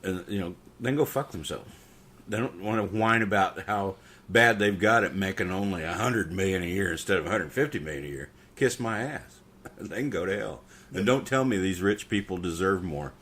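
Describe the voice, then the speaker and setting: A man's voice: deep voice, expressive, moderate pace, fairly bright tone, slightly rough. A middle-aged man ranting bitterly and profanely in a casual podcast conversation. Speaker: podcast co-host. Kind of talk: casual political rant.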